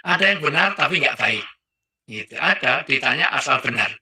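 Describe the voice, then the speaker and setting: A man's voice: medium pitch, expressive, moderate pace, pushed and bright, slightly rough. A middle-aged man preaching with humor as a talk-show guest, full of jokes and little acted-out exchanges. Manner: joking, acts out little dialogues and sounds.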